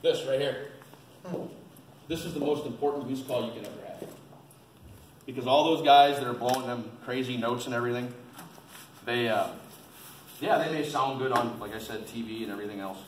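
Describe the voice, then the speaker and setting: Presenting a casual how-to session to a group at a museum, the man, an experienced duck and goose hunter, speaks briskly with long pauses in a mid-range voice. His style is folksy and direct, with repeated points for emphasis. A distant mic captures room sound and faint noise.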